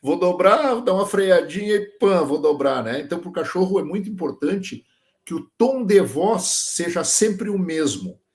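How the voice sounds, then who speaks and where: A man's voice: high-pitched, animated, moderate pace, darkish tone. A man, a guest on a podcast, explaining working dogs with farm examples and checking that the listener follows. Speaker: guest, sheep dog trainer. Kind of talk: casual podcast interview.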